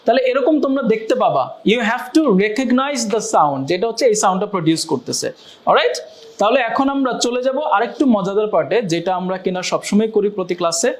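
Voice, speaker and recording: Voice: mid-range voice, lively intonation, fairly quick. An English teacher leading a classroom lesson in call-and-response drills, mixing English phrases into the talk. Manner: mixes Bengali with English phrases.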